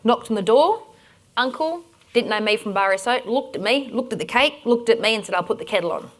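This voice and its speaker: With a somewhat high voice and a fairly quick pace, an Australian woman presents a conference workshop, instructing the audience in a direct, energetic way.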